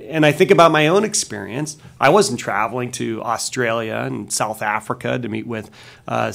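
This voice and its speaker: A man with a Boston accent, a commissioner questioning a witness at a public hearing, halting and full of fillers. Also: mid-range voice, vocal fry. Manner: halting, with many fillers and restarts.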